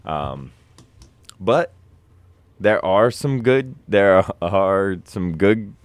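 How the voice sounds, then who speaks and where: Slow deep-voiced male host. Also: clean tone, no echo. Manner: relaxed, rambling, trails off and restarts. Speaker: show host. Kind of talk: casual sports chat.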